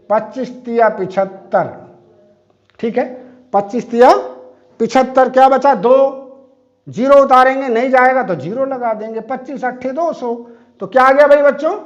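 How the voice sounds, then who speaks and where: A man's voice: very high-pitched, a bit bright. A man teaching a maths class, talking straight to his pupils with repeated rhetorical questions. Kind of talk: classroom lesson. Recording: dull lo-fi sound.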